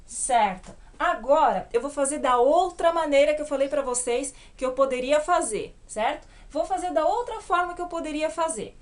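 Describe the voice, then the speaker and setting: Patient Brazilian woman teaching grammar. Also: high-pitched. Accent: Brazilian Portuguese. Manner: patient, checks in often with tag questions; slows down to spell out English examples. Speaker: English teacher. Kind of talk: whiteboard grammar lesson.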